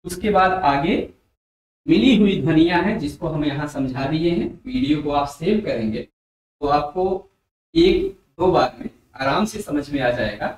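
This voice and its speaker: A man teaching a Hindi grammar lesson for exam preparation, explaining slowly and repeating letters and sounds aloud for his students. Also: a little high, big pitch swings. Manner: addresses viewers as dear friends. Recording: very echoey room.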